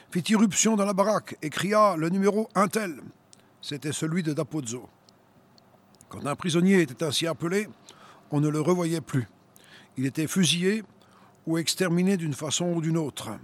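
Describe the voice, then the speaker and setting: A man preaching and reading a testimony aloud with earnest, dramatic storytelling. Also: a little high.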